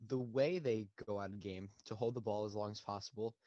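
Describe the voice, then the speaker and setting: A young man rambles through his football analysis with plenty of ums and restarts, in a fairly low voice. The sound is dull and lo-fi, recorded dry and close with no room around it. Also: steady tone, fairly quick, mellow, dry recording. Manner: rambling, many fillers and restarts. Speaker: podcast co-host. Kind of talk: casual sports analysis.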